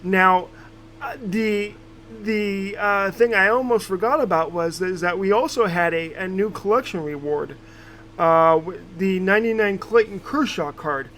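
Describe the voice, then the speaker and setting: A man hosting a casual podcast chat, talking haltingly with many fillers and restarts. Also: high-pitched, a bit bright, slight background noise. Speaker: podcast host.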